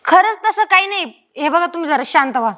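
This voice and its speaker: An actress playing a remorseful young village wife with a rural Maharashtra accent, pleading and tearful. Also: female voice, extremely high pitch, lively intonation, fast talker, pushed and bright, exaggerated voice. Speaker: actor. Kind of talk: rural Marathi short-film acting.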